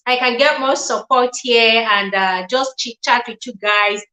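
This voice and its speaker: A woman's voice: a little high, unhurried, bright, forceful tone, echoey room, low-quality recording. A woman with a Nigerian accent hosting a casual livestream chat, emotional and chatty, thanking viewers by name. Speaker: livestream host.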